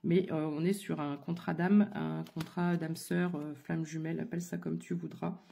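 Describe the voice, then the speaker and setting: Woman, tarot reader, husky voice still recovering from illness, mellow dark tone, hesitant chatty delivery. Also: low-pitched, steady tone, moderate pace. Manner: hesitant, many fillers and restarts, addresses listener directly. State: voice not fully recovered from illness. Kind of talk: casual spoken tarot reading.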